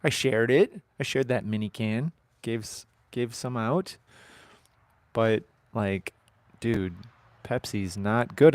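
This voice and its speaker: A man in his thirties hosts a casual live stream while working outdoors on his farm. His voice sits in an ordinary middle pitch and the sound is dry, with no room echo. He rambles from topic to topic and keeps throwing joking asides to the people watching. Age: 30s. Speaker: livestream host.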